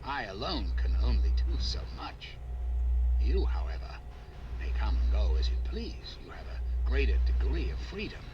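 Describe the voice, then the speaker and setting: An actor voicing a scheming male AI leader in a video game, with a calm, menacing evil AI voice, measured and coldly polite. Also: mid-range voice. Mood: calm menace. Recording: muffled, distant, noisy game capture.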